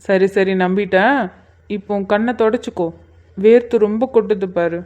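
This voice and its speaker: A woman's voice: medium pitch, fairly even intonation, normal speed, a little mellow, dull audio, natural voice. A woman voicing a playful young husband in a cartoon, soothing his worried family from a hospital bed. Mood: reassuring. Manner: teasing, soothing. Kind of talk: cartoon voice acting.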